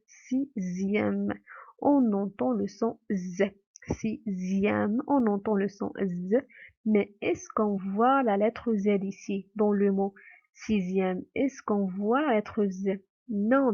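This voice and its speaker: Slow, patient woman teacher. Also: medium pitch, darkish tone, lo-fi sound. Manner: slow, patient, repeats words and asks questions. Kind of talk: French phonics lesson for young children.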